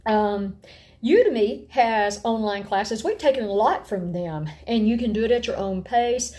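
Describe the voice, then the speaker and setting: Higher-pitched Appalachian woman, folksy and expressive. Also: a little slow. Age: middle-aged. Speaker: homeschooling parent and vlog host. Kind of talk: casual chat to camera. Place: indoor room at home.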